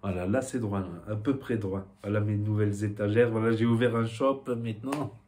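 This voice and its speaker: A man's voice: fairly low pitch, moderate pace, a little mellow. Rambling man with a southwestern French accent. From southwest France. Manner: rambling, many fillers and repeated "voilà". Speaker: YouTuber. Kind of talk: casual vlog talk to camera.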